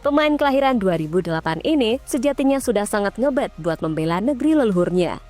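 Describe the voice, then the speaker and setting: Female football news narrator, slightly high pitch, scripted read with casual asides, faint music underneath. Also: expressive, quick pace, darkish tone. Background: faint background music.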